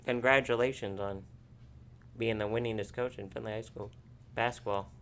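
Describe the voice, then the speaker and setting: A man's voice: lowish voice, steady tone, normal speed, fairly bright tone, slight background noise. A man hosting a podcast who asks short, simple questions and makes brief remarks. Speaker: podcast host asking questions. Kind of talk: interview questions.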